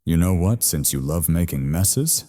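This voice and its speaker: A male narrator voicing a spoiled, arrogant young rich man who bullies people, in a shrill, sneering, entitled way. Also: animated, unhurried, warm tone. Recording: long reverb.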